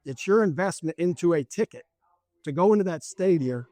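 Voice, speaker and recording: A man campaigning for office speaks in an interview with an emphatic, lecturing drive, circling back to repeat his points. His voice sits a bit high, and the recording is dry and close. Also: lively intonation, a little fast, warm tone, no room sound. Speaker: political candidate.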